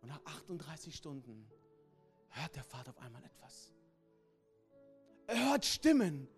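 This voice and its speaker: A man preaching a sermon as a pastor, telling a story dramatically and dropping suddenly quiet before swelling loud again. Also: on the high side, big pitch swings, a little slow, faint music behind.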